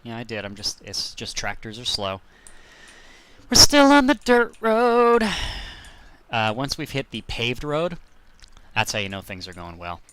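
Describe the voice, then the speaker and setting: Male streamer, lowish pitch, sharp bright tone, rambling jokey commentary. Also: animated, moderate pace. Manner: rambling, jokey, self-deprecating. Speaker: game streamer. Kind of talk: casual gameplay commentary.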